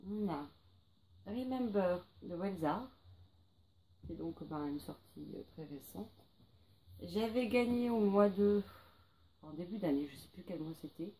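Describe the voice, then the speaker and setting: Female book vlogger, mellow and relaxed, chatty with fillers; light background hiss. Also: lowish voice. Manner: chatty, lists titles with many fillers. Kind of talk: casual to-read pile presentation.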